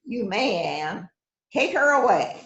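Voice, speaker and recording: A woman plays a shrewd, self-assured police detective, the boss, questioning suspects in an amateur readers theater murder mystery held on a virtual event call. She sounds confident, musing deliberately with frequent hmms, in an unhurried, animated, exaggerated voice that is medium-pitched and gravelly. The video call sound is roomy and echoing, with the highs cut off.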